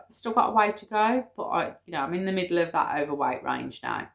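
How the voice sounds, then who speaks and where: Her voice is low and gravelly. She's a weight-loss vlogger in her fifties with a British English accent, talking casually to camera and going through her figures step by step, with frequent ums.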